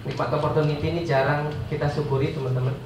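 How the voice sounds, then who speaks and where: This man in his forties talks at a quick pace in a steady, high-side voice that sounds stuffy and nasal, with an Indonesian accent. As a guest motivational speaker he's jokey and self-deprecating, treating his listeners as friends. A far mic in an echoey room captures clear background noise.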